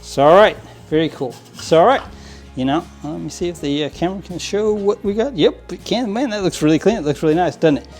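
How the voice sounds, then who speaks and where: Speaking fast with few pauses, this man has a high-pitched, expressive, slightly mellow voice, backed by soft music. As host of a model train hobby channel, he narrates a casual how-to while cleaning trains at his work table, rambling, filling gaps with fillers, restarting sentences, and chuckling frequently.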